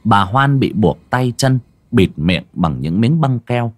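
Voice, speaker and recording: A man's voice: lowish voice, sing-song, slow pace, no room sound. A man narrating an audio horror story in a dramatic, lurid storytelling manner.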